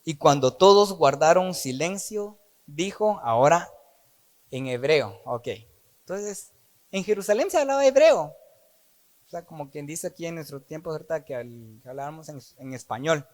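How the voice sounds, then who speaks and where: A man preaching a sermon, lively and conversational, acting out the dialogue of the story with playful asides. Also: a little high, normal speed, big-room sound. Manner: animated, acts out dialogue with jokey asides.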